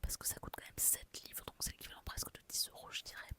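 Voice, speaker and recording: Speaking in a soft whisper to her phone, a young vlogger chats quickly about the books and souvenirs she picked up. Her manner is gushing and full of filler words.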